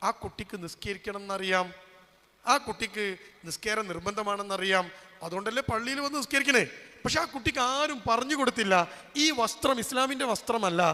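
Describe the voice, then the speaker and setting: Male preacher, high bright voice, dramatic loud-soft sermon delivery, long hall reverb. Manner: dramatic, swinging from loud calls to hushed asides; rhetorical questions to the audience. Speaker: Islamic preacher and college lecturer.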